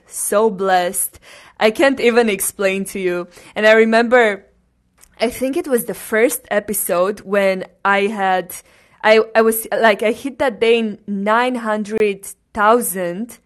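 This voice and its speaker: A young woman from Romania hosting her own podcast, telling her personal story in an earnest, grateful, unhurried way. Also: medium pitch. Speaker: podcast host. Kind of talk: casual personal monologue.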